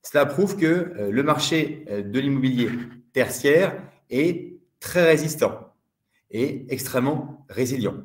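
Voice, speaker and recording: A man giving a steady, measured explanatory webinar presentation as a fund department director. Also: mid-range voice, roomy sound.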